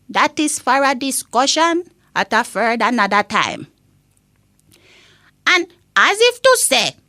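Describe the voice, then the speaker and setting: A woman's voice: sits high, fairly bright tone, no room sound, clean studio sound, heavily acted. A woman playing a cranky, opinionated old Jamaican granny in a comic audio rant, scolding and indignant, full of rhetorical questions.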